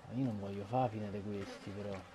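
A man's voice: on the low side, steady tone, fairly quick, dark tone. A young man giving horror game commentary through a headset, jumpy and swearing at what he sees. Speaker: gaming YouTuber. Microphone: headset earphones. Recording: audible background noise.

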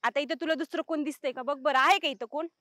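Very high-pitched, bossy village woman. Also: steady tone, a bit bright, no room sound, studio quality. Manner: scolding, bossy and quick to question. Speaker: comedy sketch actor. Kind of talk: rural comedy skit dialogue.

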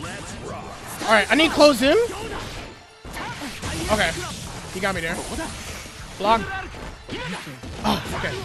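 Excitable young man shouting over a fighting game. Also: high-pitched, slow, long pauses, music in the background. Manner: talks himself calm with repeated okays. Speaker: gaming streamer. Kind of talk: live gameplay commentary.

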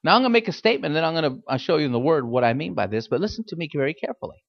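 A male pastor delivers a fiery sermon in a high voice. He exhorts emphatically, repeating key phrases and firing questions at his listeners. The recording is a little dull and lo-fi. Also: big pitch swings, racing, creaky.

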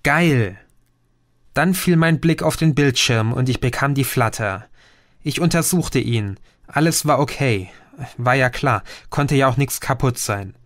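Male audiobook narrator, unhurried first-person storytelling, dry booth sound. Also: mid-range voice, fairly bright tone, no room sound. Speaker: audiobook reader. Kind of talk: scripted narration.

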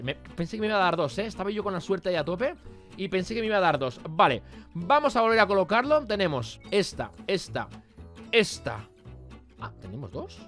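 A young man with an accent from Spain, commentating his game to viewers and shouting at the big wins and the bad luck. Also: high-pitched. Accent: Spain Spanish. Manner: addresses viewers as "chavales", shouts at big rolls. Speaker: gaming youtuber. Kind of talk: excited gameplay commentary.

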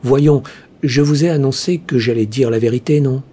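A man voicing a cheerfully cunning male heretic priest, speaking slowly in a smooth, almost chanting way. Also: mid-range voice, mellow, lightly acted. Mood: sly. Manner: slow, smooth, chanting delivery.

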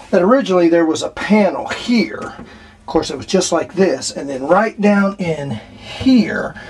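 Husky guy with a slightly high voice rambling through a camper bathroom tour, lots of uhs. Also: a little mellow. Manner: rambling, many fillers and restarts. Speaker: RV renovation vlogger. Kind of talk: casual walkthrough narration. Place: inside a small RV bathroom.

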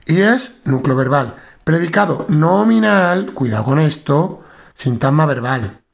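A man's voice: on the high side, animated, measured pace, creaky. A male teacher walking students through a syntax lesson in an explanatory tone, often checking in with "¿vale?".

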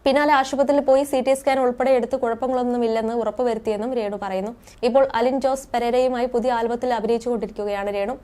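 A young adult woman reading a scripted entertainment news voice-over in a brisk, steady manner. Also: on the high side. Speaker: news narrator.

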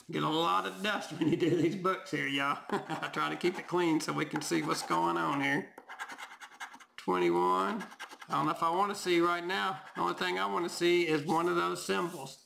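Folksy hoarse-voiced man. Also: high-pitched, noisy background. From Tennessee, US. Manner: folksy, talks to viewers as "y'all", reads numbers aloud. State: voice going hoarse. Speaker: lottery scratch-off vlogger. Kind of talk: casual commentary while scratching tickets.

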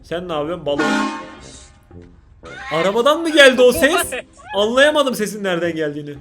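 A young man with a Turkish accent, reacting to prank videos in casual commentary, exclaiming, laughing and shouting. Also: high-pitched, sing-song, a little fast, over music.

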